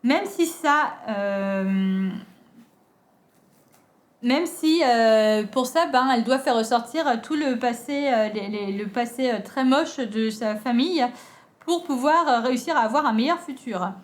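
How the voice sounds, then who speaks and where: A woman's voice: fairly high pitch, measured pace. A French woman chatting casually as a book vlogger, unboxing with many fillers and restarts.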